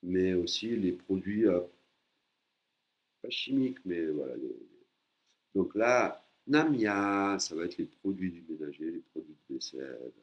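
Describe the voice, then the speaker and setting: A man teaching a language lesson, patiently explaining and repeating words slowly for learners. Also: low-pitched, sing-song, lo-fi sound.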